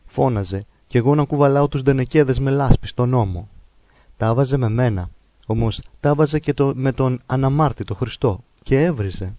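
A man reads a life story in a slow, measured, reverent way. His voice is mellow and dark, and the sound is dry and close with no room echo. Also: mid-range voice. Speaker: narrator. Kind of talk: calm biographical narration of a holy man's life.

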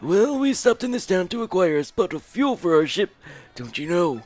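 A man voicing a fussy, grumbling, pompous old mushroom gentleman in a video game. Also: high voice, big pitch swings, normal speed, music in the background, voice pushed down. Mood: genteel, concerned. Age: older. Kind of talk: improvised video game character voice.

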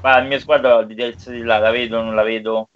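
A man playing a tabletop game, describing his character's moves in a hesitant, halting way. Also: mid-range voice, flat delivery, smooth. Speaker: player. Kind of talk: casual tabletop game talk. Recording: dull lo-fi sound.

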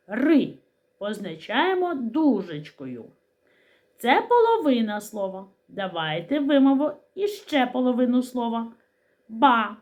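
A woman teacher from Ukraine leads a children's literacy lesson, speaking slowly and stretching out each syllable with care. Her fairly high voice moves up and down with plenty of life as she asks questions and answers them herself. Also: a little mellow. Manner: slow, careful enunciation of syllables.

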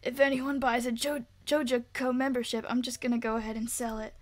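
A woman's voice: flat delivery, a little fast, natural voice. Woman reading as an old small-town mayor. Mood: wistful. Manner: reads game dialogue aloud, slightly raised pitch.

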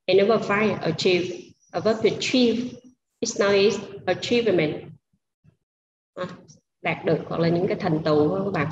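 A woman's voice: fairly low pitch, slight background noise. Vietnamese-accented woman teaching English online. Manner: mixes Vietnamese and English, explaining word stress patiently. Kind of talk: online class vocabulary review. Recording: echoey dull room sound.

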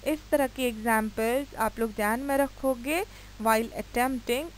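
A woman teacher with an Indian accent gives a grammar lesson at an unhurried pace. Her voice sits high, and she takes words apart letter by letter. She checks in with her students now and then with quick questions. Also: slight background noise, poor audio. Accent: Indian English. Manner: slow, deliberate explaining, spelling words out and asking checking questions. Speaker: English teacher. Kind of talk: video lecture mixing Hindi and English.

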